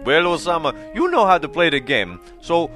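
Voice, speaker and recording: Man acting a jokey teasing game show host, Afghan character, high voice, animated delivery, comedy sketch. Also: normal speed, faint music behind. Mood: jokey, upbeat. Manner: jokey, teasing, chuckling showman patter.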